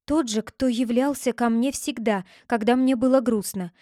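A poor fairy-tale shepherd girl who speaks quietly and holds firm, as a woman reads her lines. The voice is high, and the sound is dry and close. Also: normal speed, no echo, lightly acted. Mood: calm.

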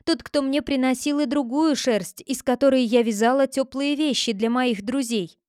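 A woman reading a storybook, voicing a gentle but stubborn poor shepherd girl. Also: high-pitched, moderate pace, no echo, clean studio sound, close to an everyday voice. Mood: calm. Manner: quiet, calm, firm.

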